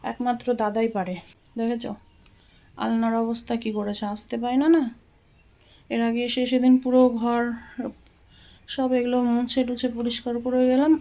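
Chatty woman vlogging over a steady hum. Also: a little high, low-quality recording. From Bengal. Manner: chatty, talks while doing housework. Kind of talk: casual home vlog chat. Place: home, indoors.

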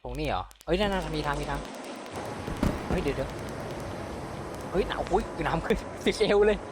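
A man giving casual let's-play commentary, excitable, firing off rapid repeated words when he panics and cursing at himself. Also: a little high, very noisy. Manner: swears and scolds himself. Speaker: gaming YouTuber.

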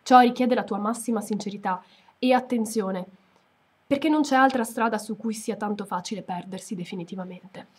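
A woman voicing a wise, solemn male lion in a read-aloud story, speaking in a grave, measured way. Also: medium pitch, breathy edge, natural voice. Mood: stern.

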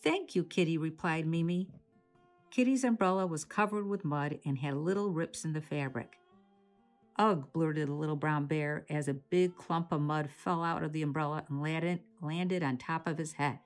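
A woman, the author, reading her children's picture book aloud slowly and calmly, in a deliberate storytelling way. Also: low-pitched, soft background music. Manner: slow, calm, deliberate storytelling.

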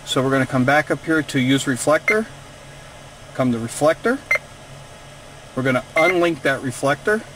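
Speaking from inside a vehicle, a radio hobbyist video host walks viewers through an instructional demonstration of a radio gadget. His voice is medium-pitched and moderately paced, broken by long pauses, with steady vehicle and fan noise underneath.

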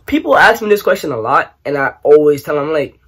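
A young man from New York, raised partly in Trinidad, answering questions in a casual vlog, animated and joking with lots of slang. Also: on the high side, a little fast, husky. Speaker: YouTuber. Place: small bedroom, indoors.

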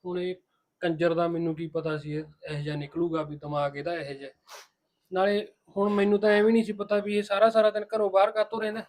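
A man's voice: high-pitched, steady tone, fast, darkish tone, lightly acted. An actor playing an older, protective father-in-law who reassures his daughter-in-law and scolds his son. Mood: reassuring. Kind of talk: village family drama acting.

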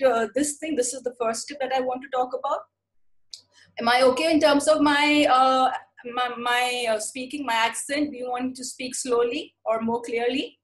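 Woman webinar presenter, Indian English accent, brisk delivery with fillers, a touch high-pitched, video call. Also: poor audio. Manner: fast-paced explanatory talk with many fillers. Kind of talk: online lecture.

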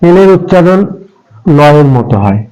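A man's voice: high-pitched, expressive, normal speed, warm tone, clean tone, lo-fi sound. A man teaching English pronunciation to children, patiently repeating and spelling out each example word. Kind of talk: step-by-step spoken lesson for children.

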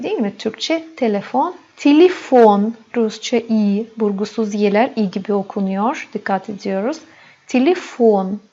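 A woman teaching a language lesson, repeating words slowly and addressing her students as friends. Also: a little high, gravelly, darkish tone. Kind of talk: slow classroom explanation. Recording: dull lo-fi recording.

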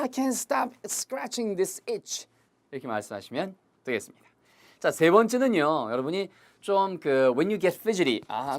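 A language teacher giving a recorded video lesson in a lively way, often checking that viewers are following. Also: mid-range voice. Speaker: English teacher.

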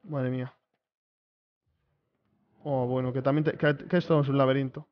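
A man's voice: mid-range voice, flat delivery, moderate pace, highs cut off. A young man giving nervous, chatty gameplay commentary, talking to his viewers and repeating himself when scared. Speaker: gaming streamer. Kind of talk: casual horror gameplay commentary.

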